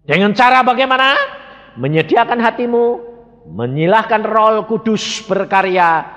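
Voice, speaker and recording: A male pastor preaches in a lively, swinging voice that sits somewhat high for a man. He climbs to emphatic peaks and fires rhetorical questions at the congregation. A long hall reverb trails every phrase. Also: unhurried. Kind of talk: sermon.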